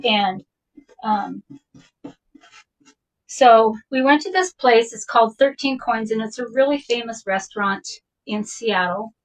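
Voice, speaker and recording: A woman's voice: on the high side, a little slow, pauses often, far from the mic, low-quality recording. A woman casually telling a personal story in a chatty, rambling way, laughing often as she talks. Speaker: vintage shop owner telling a personal story.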